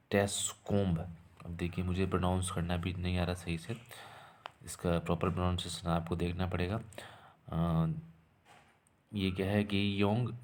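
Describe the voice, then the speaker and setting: A man's voice: sits low, a little mellow. A man teaching an exam-prep lesson, asking questions and answering them himself, repeating key terms to drill them in.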